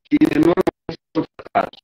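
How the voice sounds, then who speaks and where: A man's voice: moderate pace, a little mellow, soft background music, low-quality recording. A man, explaining as a guest on a video call that keeps breaking up. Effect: choppy, breaking-up video call connection. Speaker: guest expert.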